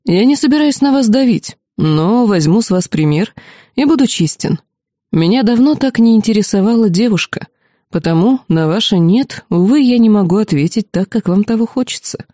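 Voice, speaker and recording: Woman reading a smooth noble duke, wry n a bit condescending, mellow dark voice. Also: mid-range voice, moderate pace, dry recording, studio quality, close to an everyday voice. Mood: candid. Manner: calm, wry, gently condescending. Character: suave, candid noble duke, adult man. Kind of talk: audiobook character reading.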